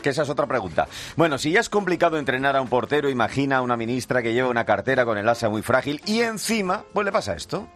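A man's voice: mid-range voice, expressive, quick pace, few pauses, fairly bright tone, faint music behind. A man from Spain delivering an ironic comic segment on a radio show. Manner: ironic, punchy. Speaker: radio contributor.

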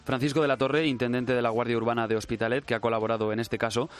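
Fast-talking male radio newsreader. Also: mid-range voice, level tone, smooth. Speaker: radio news co-presenter. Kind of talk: scripted news narration.

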